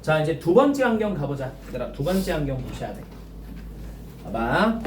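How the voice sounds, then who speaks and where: A male high school teacher lecturing to a class, slowly dictating key points and often checking whether students follow. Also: sing-song, reverberant, distant mic, background noise.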